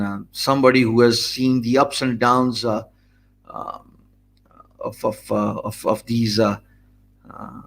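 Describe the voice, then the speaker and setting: A mid-range male voice belongs to a Pakistani online business coach teaching in English, his second language, in a talking-head video from a small home office. He comes across as earnest and measured, hand-gesturing, with many hesitant "uh" fillers and restarts. Audio comes from a stand mic right in front of him, webcam-framed.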